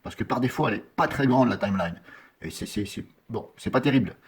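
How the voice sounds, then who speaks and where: A man giving a casual software tutorial, rambling and often correcting himself with many fillers. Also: medium pitch, animated, fast talker, breathy edge.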